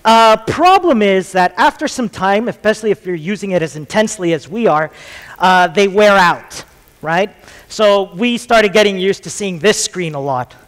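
A man's voice: high-pitched, animated, normal speed, fairly bright tone. Chatty man on a theatre stage. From Chile. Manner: jokey, chatty, many ums. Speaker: conference speaker. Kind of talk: casual tech talk. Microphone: headset mic. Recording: long hall reverb.

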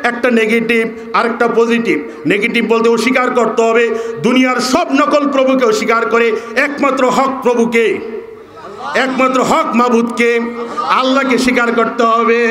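Bangladeshi man preaching a sermon, very high voice, shouting rhetorical questions, echoey loudspeaker sound. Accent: Bangladeshi Bengali. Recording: echoey public-address sound.

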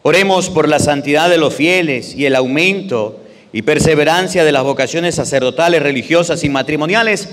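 A man's voice: on the high side, moderate pace, a bit bright. A man preaching and leading prayers at Mass, with emphatic, repetitive phrasing. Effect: long church reverb. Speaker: priest. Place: large church. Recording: echoey church hall.

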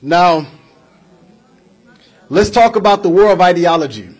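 A young American man makes an emphatic political speech at a community event, speaking into a podium microphone on a stand with flags behind him in an indoor hall. His high, husky, darkish voice is expressive and unhurried, and he drives his argument with rhetorical questions, repetition and gestures.

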